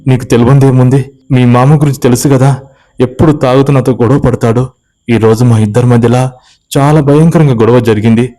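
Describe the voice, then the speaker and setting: A man's voice: mid-range voice, a little slow, pauses often, mellow, breathy edge, pitched above the performer's own voice. A man voicing a distraught middle-aged village woman, tearful and frantic.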